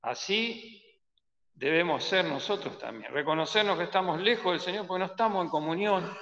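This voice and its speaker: A man with an Argentine Spanish accent giving an earnest Sunday school Bible lesson, often pausing to ask "¿no?" and "¿mm?". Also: fairly high pitch, fairly bright tone, dull audio. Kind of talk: church Bible teaching. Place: church hall. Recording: echoey church hall with long reverb.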